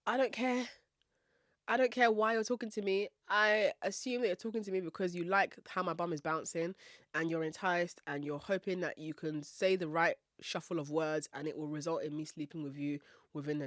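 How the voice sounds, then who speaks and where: A woman's voice: lowish voice, steady tone, normal speed, no echo, studio quality. Sassy, confident woman podcast host. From Nigeria. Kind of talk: casual storytelling monologue.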